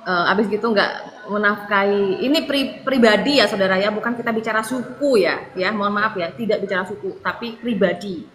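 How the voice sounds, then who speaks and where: A woman's voice: mid-range voice, fairly quick, fairly bright tone, a little hiss or hum, rough recording. A woman from Madura, an evangelist preaching on a live stream, earnest and pleading, near tears at times, ending many phrases with a tag word. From Madura, Indonesia.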